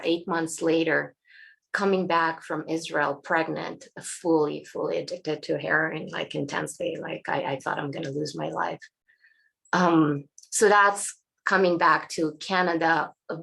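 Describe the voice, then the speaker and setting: Interview guest: Eastern European woman, lowish fry-heavy voice, candid and halting, voice fading. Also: fairly bright tone. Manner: frank, halting, many restarts. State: losing her voice, clearing throat. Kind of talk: candid personal storytelling.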